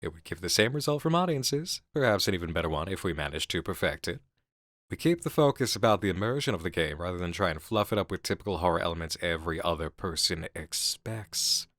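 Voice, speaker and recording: In an ASMR roleplay drama, an actor plays a composed, cerebral male coworker, speaking persuasively with deliberate pauses. His voice is low with a fairly bright tone, recorded dry with clean studio sound.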